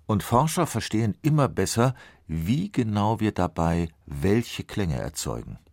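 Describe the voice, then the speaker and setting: A man with a very deep voice reads scripted documentary narration with lively intonation. His voice is slightly husky, and the sound is dry and close to the mic. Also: no echo.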